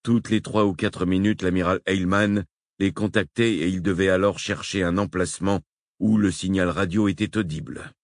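A man narrating a novel in a steady, measured reading. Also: low-pitched, no room sound, clean studio sound. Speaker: audiobook narrator. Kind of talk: scripted narration.

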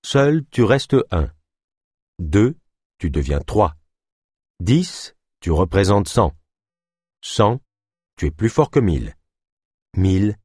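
A man narrating a novel chapter for an audiobook, reading in a measured and expressive way. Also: low voice, breathy edge, no echo, studio quality. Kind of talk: scripted narration.

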